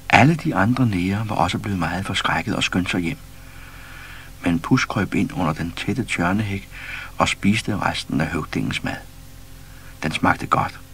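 A man reading a children's storybook aloud to a young listener, steady and storyteller-like. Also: low-pitched, vocal fry, slight background noise. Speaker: audiobook reader.

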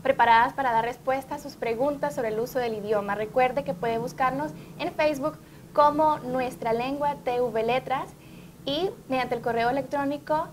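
Bright Honduran co-host with a higher voice. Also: female voice, slight background noise. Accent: Honduran Spanish. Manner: bright, announcing, reads questions. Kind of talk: educational TV talk.

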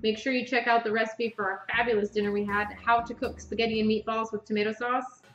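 A woman's voice: fairly high pitch, flat delivery, fast, fairly bright tone, reverberant, highs cut off, soft background music. A woman in her thirties hosting a home cooking video in her kitchen, chatty and enthusiastic, praising the food as she explains each step. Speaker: cooking show host.

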